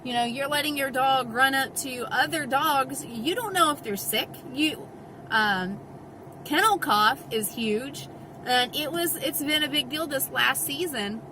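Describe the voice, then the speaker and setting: A woman's voice: high voice, background noise. A woman vlogger ranting to camera in an exasperated, emphatic way, talking out of the side of her mouth with part of her face numb. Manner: exasperated, emphatic, acts out quoted voices. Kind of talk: casual rant to camera.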